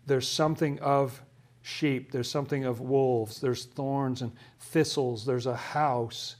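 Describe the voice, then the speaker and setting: A man's voice: medium pitch, fairly even intonation, takes it slowly, darkish tone. A man giving a conversational sermon, asking rhetorical questions and rising to emphatic peaks. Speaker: preacher.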